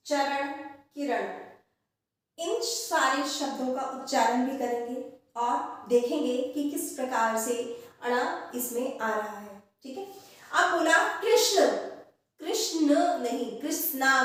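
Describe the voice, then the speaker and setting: A woman's voice: sits high, far from the mic. A woman teaching grammar to her viewers, patiently repeating each word several times as she explains. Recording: very echoey room, voice set back from the mic.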